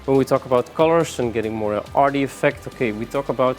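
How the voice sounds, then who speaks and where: A man's voice: medium pitch, darkish tone, soft background music. Breathless man demoing printing products. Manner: hurried, breathless, with many fillers. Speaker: product presenter. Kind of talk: fast-moving product demonstration.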